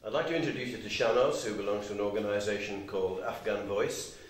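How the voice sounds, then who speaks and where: A man hosts an interview. His phrasing is measured and a little hesitant. He sounds distant from the microphone in a very echoey room. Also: fairly low pitch, fairly even intonation. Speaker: host, interviewer. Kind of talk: live interview. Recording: very echoey room, distant mic, faint noise.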